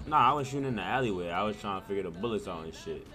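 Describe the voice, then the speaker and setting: A man's voice: fairly low pitch, animated, rapid-fire, music in the background. A man in his twenties livestreaming a game, joking crudely and talking to his chat. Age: 20s. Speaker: streamer. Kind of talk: casual gaming livestream chat.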